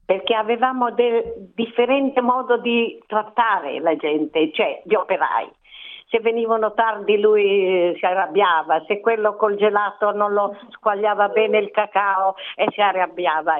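An older woman from Italy, a radio interview guest telling stories in a lively, rambling way and acting out what people said. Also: medium pitch. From southern Italy. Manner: lively storyteller, acts out quotes, rambling asides. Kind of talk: phone interview, reminiscing. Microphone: telephone. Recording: tinny phone line.

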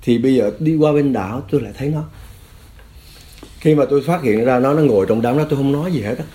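A man's voice: mid-range voice, fast talker, dark tone. An older man from Vietnam earnestly recounting his own past, often quoting himself and others. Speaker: storyteller recalling his past. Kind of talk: personal testimony.

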